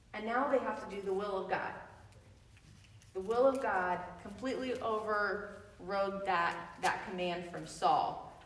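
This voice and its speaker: A woman's voice: a little high, distant mic. Chatty woman teaching in an echoey hall. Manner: chatty, laughs often, loose asides. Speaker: Bible study teacher. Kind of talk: casual Bible teaching.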